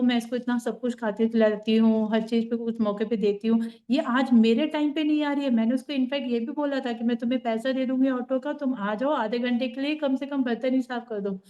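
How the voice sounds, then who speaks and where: Woman, higher voice, reflective storyteller sharing on a group call. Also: warm tone. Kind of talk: casual chat on a group call.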